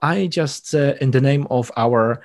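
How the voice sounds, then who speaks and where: A man interviewing a priest guest, speaking in a slow, earnest way with frequent fillers. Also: mid-range voice, darkish tone. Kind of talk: conversational interview. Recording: faint music in background.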